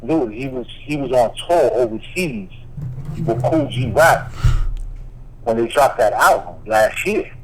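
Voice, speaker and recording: A man's voice: medium pitch, lively intonation, a little slow, long pauses, a little hiss or hum, poor audio. A man co-hosting a podcast in casual, heated chat, talking emphatically and cutting in to make his point. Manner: emphatic, keeps cutting in with "listen". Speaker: podcast co-host.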